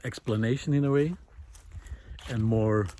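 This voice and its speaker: A man hosting a walking talk series speaks in a warm, mid-range voice, a little slow and fairly even in intonation. Walking outdoors through a village among vineyards, he delivers a hesitant, musing, unscripted monologue to camera with trailing asides.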